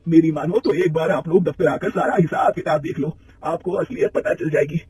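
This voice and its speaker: A kindly, worried old company clerk from a cartoon story, played by a man. He talks in a fatherly, confiding way with a fairly high voice. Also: brisk, a little mellow, far from the mic, slight background noise, natural voice. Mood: concerned.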